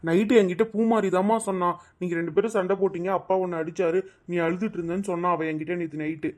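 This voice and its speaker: A gentle, obedient cartoon son speaks quickly, voiced by a woman. His voice is mid-pitched and coaxing. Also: steady tone, close to an everyday voice. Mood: concerned.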